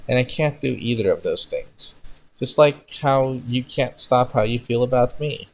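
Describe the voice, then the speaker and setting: A man's voice: mid-range voice, expressive, measured pace, muffled recording, voice pushed up. A man voicing a friendly, apologetic young woman news reporter from a fanfiction story. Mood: apologetic, earnest.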